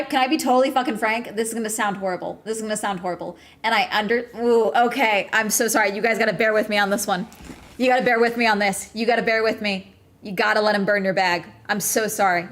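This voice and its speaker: A woman's voice: medium pitch, fairly bright tone. Rambling woman streamer reacting casually. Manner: rambling, repeats herself, swears.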